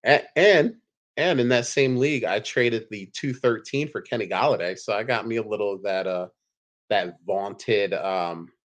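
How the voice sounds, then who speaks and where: A man's voice: lowish voice, moderate pace. A man hosting a casual fantasy football podcast, laid-back and joking, often chuckling as he talks. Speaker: podcast host.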